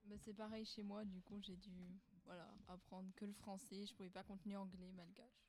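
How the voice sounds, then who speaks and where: A young woman speaks at a middle pitch. Her talk is chatty and informal. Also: little pitch movement, moderate pace, a little mellow, a little hiss or hum. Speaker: student in a class discussion. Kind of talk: casual discussion.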